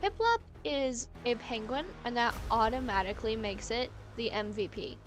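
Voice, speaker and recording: A woman's voice: a little high, expressive, normal speed, over music. A woman live streaming in casual chat, rambling, giggly and playfully argumentative, often correcting herself mid-thought.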